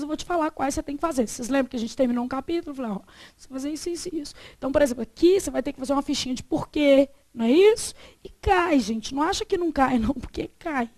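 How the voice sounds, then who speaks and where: A Brazilian woman teaching a classroom grammar lecture, constantly checking whether the students follow with quick tag questions. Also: high voice, darkish tone, no room sound.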